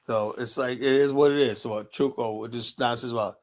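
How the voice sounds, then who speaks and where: A combative man rants on a live stream in a mid-pitched voice. He talks bluntly and profanely and keeps dropping "you know" as he argues. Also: fairly even intonation, brisk. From United States. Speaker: host.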